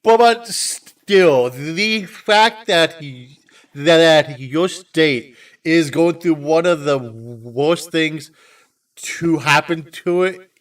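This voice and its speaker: This male podcast co-host talks very slowly in a voice on the high side, picked up from a distant mic. The chat is casual, full of teasing, stammering and restarts.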